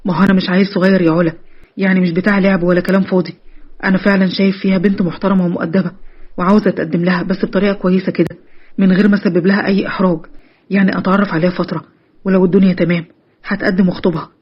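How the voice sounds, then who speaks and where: A woman voicing an earnest, polite young man courting a girl, speaking softly and steadily in an Egyptian accent. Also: fairly low pitch, level tone, rapid-fire, husky, muffled recording, voice pushed down. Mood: sincere. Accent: Egyptian Arabic.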